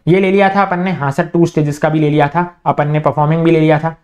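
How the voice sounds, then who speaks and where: A man teaching an online exam revision class in with a flavour, firing off questions and answering them himself in a hushed student voice, and slowing down to spell out key terms. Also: a little high, level tone.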